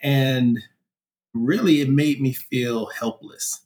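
A man guest on a podcast, speaking in a thoughtful, measured way and often saying "you know". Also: medium pitch, darkish tone. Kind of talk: reflective conversation.

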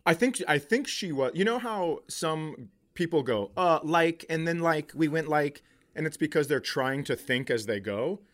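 Speaking at a moderate pace with a fairly high pitch, a middle-aged man who is a comedian and podcast host spins casual comic stories. He swears freely and animates the retelling by performing people's quotes.

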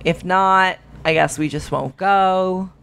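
A woman's voice: on the low side, slow pace, creaky, fairly bright tone, clear, resonant tone. A woman co-hosting a podcast in a casual, conversational, wry way. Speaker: podcast co-host.

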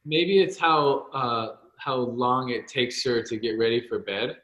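A man's voice: mid-range voice, a little slow, a bit bright, echoey room, muffled recording. A husband telling joking stories about his wife in casual chat. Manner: joking, storytelling, laughs a lot. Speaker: interview guest, husband.

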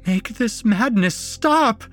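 A man voicing a frightened young woman in a horror audio story, in a shrill, strained falsetto that breaks into screams. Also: steady tone, drawn-out words, darkish tone, slightly rough, faint music behind, exaggerated voice. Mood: pleading. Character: young woman, terrified and frantic.

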